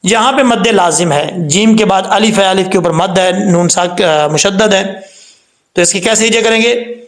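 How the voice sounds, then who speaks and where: At a moderate pace and with a voice that sits high, a middle-aged man teaches Quran recitation stepwise. He explains the sounds one by one and corrects mistakes, repeating the right pronunciation several times.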